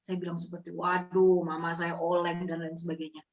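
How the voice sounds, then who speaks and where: A woman's voice: on the low side, monotone, fairly quick. A woman, earnestly telling her testimony to a host. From East Java, Indonesia. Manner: earnest, addresses the host as "Pak". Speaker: guest sharing a testimony. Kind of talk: heartfelt personal testimony. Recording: slightly muffled audio.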